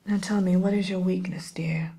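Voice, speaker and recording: A woman voicing a vain, sly witch tutor in a whispered ASMR roleplay, genteel and gently condescending to a pupil, with a soft, breathy, hesitant delivery. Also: on the low side, fairly even intonation. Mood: sly, advising. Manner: unhurried, hesitant, politely condescending, addresses listener as pupil.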